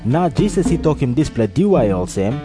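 A man's voice: medium pitch, big pitch swings, a little fast, music in the background. A man with a Papua New Guinean accent narrating scripture as a scripted story.

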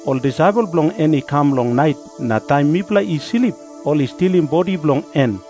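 Man as higher-voiced scheming priest, Papua New Guinea pidgin. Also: lively intonation, a little fast, mellow. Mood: instructing, scheming. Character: scheming male chief priest giving orders. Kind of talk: dramatized scripture reading. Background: music behind the voice.

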